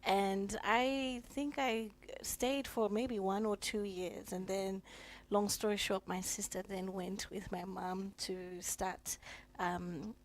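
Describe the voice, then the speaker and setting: A woman's voice: medium pitch, flat delivery, takes it slowly. A woman from Zimbabwe, a guest artist, answering interview questions conversationally with many filler phrases. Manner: conversational, with frequent you know fillers.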